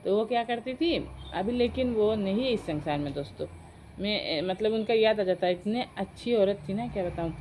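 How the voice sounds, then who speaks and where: A woman's voice: medium pitch, moderate pace, slight background noise, rough recording. A woman, chattily telling a family story to her viewers. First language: Sylheti Bengali. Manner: chatty, addresses friends, animated retelling. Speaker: vlogger. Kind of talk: casual storytelling.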